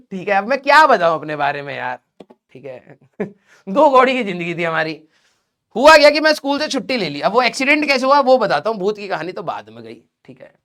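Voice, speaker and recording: A man's voice: sits high, fairly bright tone. Man, teacher, casual storytelling, chatty, filler-heavy, laughs between lines. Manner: chatty, fillers like "ठीक है" and "भाई साहब"; laughs while telling.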